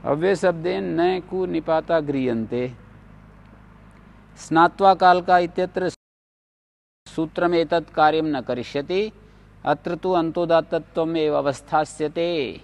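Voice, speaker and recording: This man's voice is fairly high and creaky, and he talks at a measured pace with frequent pauses. In a classroom lecture on Sanskrit grammar, he takes the rules one by one and makes sure the students have understood each.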